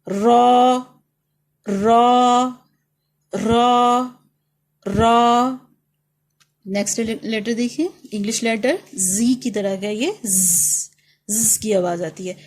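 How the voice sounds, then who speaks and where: A woman with a Pakistani accent, a teacher leading a beginners' reading lesson, who calls out each letter loudly and drawn out, then explains it softly. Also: mid-range voice, fairly even intonation, slightly rough. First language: Urdu.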